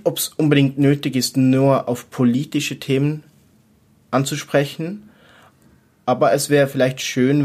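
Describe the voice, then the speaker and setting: A young man who plays jazz answers in an interview at a mid pitch. He speaks hesitantly, building his sentences piece by piece. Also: darkish tone. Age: young adult. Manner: hesitant, piecing sentences together. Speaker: jazz musician.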